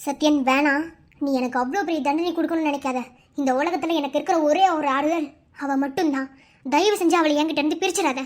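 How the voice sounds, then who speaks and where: A woman's voice: very high-pitched, animated, quick pace, bright, forceful tone, exaggerated voice. A woman voicing a desperate single mother in a cartoon, pleading to keep her daughter. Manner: pleading, tearful. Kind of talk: fan cartoon voice acting.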